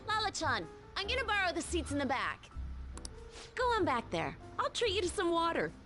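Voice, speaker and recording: Flirty tipsy journalist, video game, very lively intonation, shrewd, casual, coaxing. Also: female voice, extremely high pitch, moderate pace. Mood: breezy. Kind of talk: video game dialogue acting. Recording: background music under dialogue.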